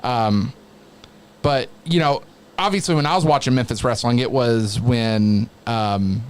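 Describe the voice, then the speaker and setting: A man who works as a wrestling announcer, chatting casually as an interview guest in a halting, reflective way. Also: medium pitch, clear, resonant tone.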